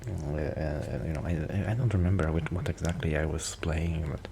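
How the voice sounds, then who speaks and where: Here the ASMR performer, cast as a musician friend, uses an extremely low, gravelly, soft-spoken voice that now and then dips toward a whisper. He talks a little fast with fairly even intonation, rambling in a shy, hesitant, apologetic way, and noise is clear in the recording.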